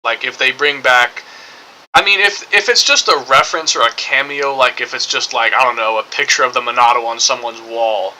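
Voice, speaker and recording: A man's voice: mid-range voice, normal speed, sharp tone, slight background noise, rough recording. A man giving casual, rambling game commentary, hedging often and circling back over his points. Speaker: gaming streamer.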